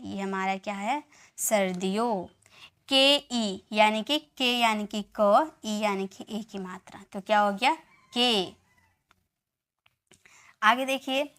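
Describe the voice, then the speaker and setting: Bright-voiced woman teaching spelling. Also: on the high side, clear, resonant tone. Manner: patient, spells words letter by letter, asks and answers her own questions. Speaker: English teacher. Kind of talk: online lesson, spelling out words.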